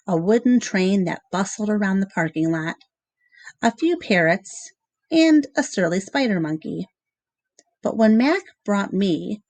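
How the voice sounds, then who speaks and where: This children's novel is read aloud by a woman with a mid-range voice and no echo. Her delivery is steady and expressive, like a storyteller's, with brief pauses separating phrases.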